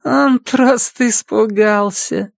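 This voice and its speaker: A man's voice: high voice, slow pace, gravelly, dry recording, studio quality, pitched above the performer's own voice, exaggerated voice. A man reading aloud and voicing a drowsy, drunk mother who mumbles and slurs her words. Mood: drowsy menace. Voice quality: sleepy, slurred, mumbling.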